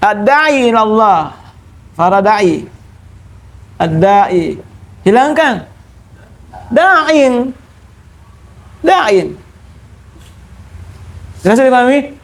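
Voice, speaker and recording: Slow, patient male teacher. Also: high voice, lively intonation. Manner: keeps checking that students understand; explains step by step, repeating key terms. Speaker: Arabic grammar teacher. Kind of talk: classroom lecture.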